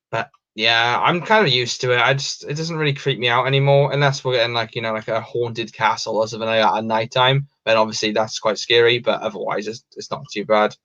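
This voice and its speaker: A young Welsh livestream host with a medium-pitched voice sounds pushed and bright. He reads out viewers' questions and rambles through his answers with plenty of ums and restarts. The stream's audio is dull and lo-fi.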